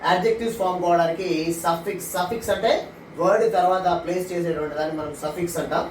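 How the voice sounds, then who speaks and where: A man with a Telugu accent teaches an English grammar lesson in a high voice. He reads the definitions slowly and then explains them quickly. The recording is echoey and distant, with a faint hiss. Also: steady tone.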